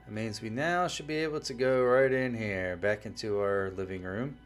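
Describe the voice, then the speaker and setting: A man talks through a horror game in a relaxed, musing way. His voice sits on the low side. Faint music plays beneath. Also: moderate pace. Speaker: gameplay commentator. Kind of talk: casual let's play commentary.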